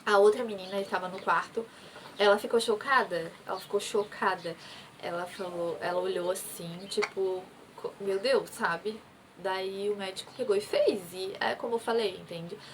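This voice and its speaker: A young woman from Brazil recounts her own story straight to camera, earnest and conversational, slipping into the words of the people she quotes. Her pitch sits in an ordinary middle range. A steady background noise runs under her voice throughout. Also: normal speed. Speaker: vlogger.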